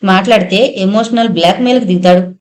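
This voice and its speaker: A woman voicing an exasperated young husband and father who turns impatient and sharp on the phone. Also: medium pitch, fast talker, lightly acted. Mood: bitter.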